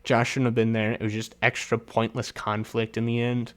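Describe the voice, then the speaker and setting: A male host gives a casual solo movie review at an ordinary, mid-range pitch. He rambles in a chatty way, chuckles often and trips over fillers and restarts as he goes. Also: completely flat delivery, moderate pace, clean tone.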